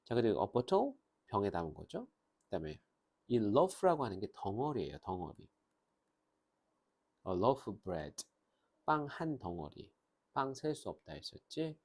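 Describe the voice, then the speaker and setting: A man teaching English grammar in a lively lecture, pausing to say English phrases slowly and clearly. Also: medium pitch. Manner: animated, switches between Korean and slow, drawn-out English phrases.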